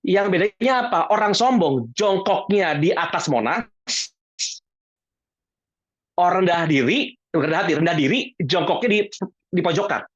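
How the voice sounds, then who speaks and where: A man's voice: high voice, expressive, moderate pace, long pauses, slightly rough, no echo. A man answering audience questions about emotions in a casual, jokey way, acting out little dialogues. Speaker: guest speaker on emotions. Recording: dull lo-fi online talk audio.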